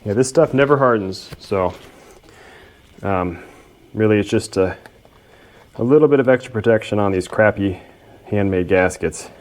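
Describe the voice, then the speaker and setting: A man hosts a machinery repair video, narrating casually and poking fun at himself as he works in his workshop. His voice is lowish and darkish in tone, and he speaks at a moderate pace with long pauses.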